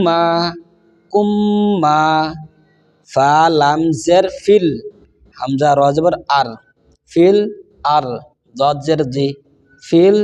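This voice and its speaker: A man's voice: on the high side, a little mellow. A man with a Bangladeshi Bengali accent, teaching Quran reading by spelling out each Arabic syllable and then chanting the joined word. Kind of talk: slow spelling-out recitation lesson.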